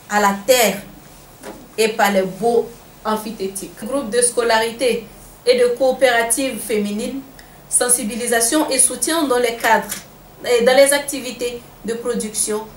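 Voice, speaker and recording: A woman with a Malian French accent answering interview questions in an earnest, emphatic way, repeating phrases for weight. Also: on the high side. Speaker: interview guest. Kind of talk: interview answers on women in politics. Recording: echoey room with faint background noise.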